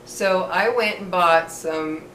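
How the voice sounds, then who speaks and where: A middle-aged woman with missing teeth that soften her F sounds, telling casual, rambling, self-deprecating personal stories to camera. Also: on the low side, slow pace. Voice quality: slightly slurred speech from missing teeth, trouble with F sounds. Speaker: vlogger. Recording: echoey room, distant mic, faint noise.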